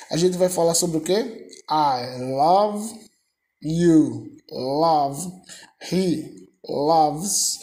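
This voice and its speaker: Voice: mid-range voice, a little mellow. An English teacher with a Brazilian Portuguese accent giving a video lesson, patiently drilling verb lists and asking rhetorical questions.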